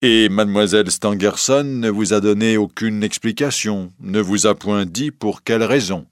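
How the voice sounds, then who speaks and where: A man's voice: on the low side, moderate pace, no echo, studio quality, close to an everyday voice. A man doing a curt, probing police chief. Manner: curt, questioning. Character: brisk middle-aged male police chief, dry and probing. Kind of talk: audiobook character reading.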